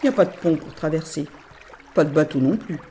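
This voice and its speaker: A woman storyteller telling a children's tale in an animated, playful way. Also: deep voice, quick pace, slight background noise.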